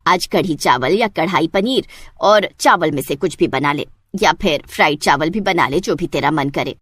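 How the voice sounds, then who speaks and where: A woman's voice: sits low, lively intonation, normal speed, no room sound, voice pushed down. A woman putting on a bossy older mother-in-law. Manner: bossy, questioning.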